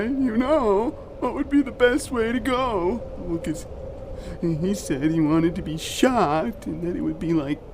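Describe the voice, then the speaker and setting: In an audio drama, a performer gives a full character voice to a badly injured, devoted young man who is desperate and freezing to death. His voice is high and strained, slow and halting in broken, tearful phrases as he weakens, gasps and cries. Loud, wind-like ambient noise fills the background.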